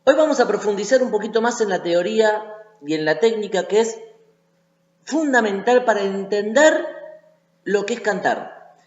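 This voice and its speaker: A man's voice: high-pitched, expressive, normal speed. A man with a Rioplatense Spanish accent teaching a voice lesson, explaining step by step and often checking in with the listener. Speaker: singing teacher. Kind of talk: online voice lesson. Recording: echoey lo-fi room recording.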